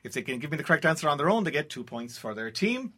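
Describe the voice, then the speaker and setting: Irish male radio quiz host, higher-pitched, animated delivery. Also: quick pace. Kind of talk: radio trivia quiz presenting. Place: radio studio.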